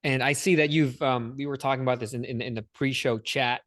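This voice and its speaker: A man hosting a podcast in a relaxed, slangy way, with plenty of energy. His voice sits in an ordinary middle pitch. The sound is dry and close, with no room around it. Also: a little fast, no room sound. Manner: energetic, slangy, says "dude" and "man" a lot. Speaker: podcast host. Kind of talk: casual interview chat.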